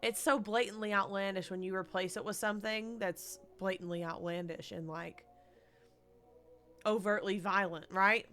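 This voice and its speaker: A woman's voice: medium pitch, fairly even intonation, normal speed, a bit bright, soft background music. A woman live-streaming from her living room, ranting in an exasperated way and swearing often. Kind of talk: casual live-stream commentary.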